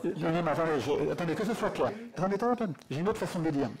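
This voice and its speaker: A man speaking at a public conference debate into a handheld mic in a lecture hall, animated and insistent. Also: on the high side, rapid-fire, a crowd in the background.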